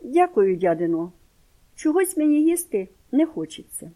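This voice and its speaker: Woman putting on a little village boy voice, high and bouncy, kinda soft and mellow tone. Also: sing-song, normal speed. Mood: pleading. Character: small village boy, shy and proud.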